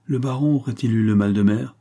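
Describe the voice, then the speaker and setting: An excitable male port captain who exclaims in surprise and gushes with praise, as a man puts him on in an audiobook. The voice sits higher and louder than the reader's own, with a warm, husky tone. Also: fairly quick, lightly acted. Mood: astonished. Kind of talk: audiobook character reading.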